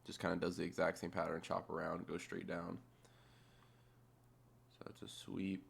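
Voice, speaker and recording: Very gravelly, low-voiced man thinking aloud. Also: flat delivery, normal speed. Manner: offhand, muttering, swears casually. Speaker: trader narrating a chart replay. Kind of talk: casual screen-share commentary, thinking aloud.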